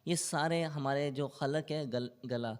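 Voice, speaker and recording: A man's voice: fairly high pitch, clean tone. Pakistani-accented male Quran tutor. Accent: Pakistani Urdu. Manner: recites in slow melodic chant; explains patiently with English loanwords. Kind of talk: interview answers, explaining tajweed.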